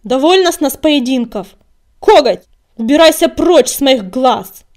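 A woman voicing a commanding female cat clan leader who speaks sharply and harshly, shouting orders. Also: high voice, expressive, unhurried.

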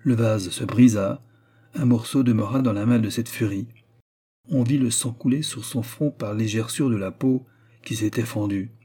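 A man narrating a classic novel as an audiobook with a steady storytelling delivery. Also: medium pitch, normal speed, breathy edge.

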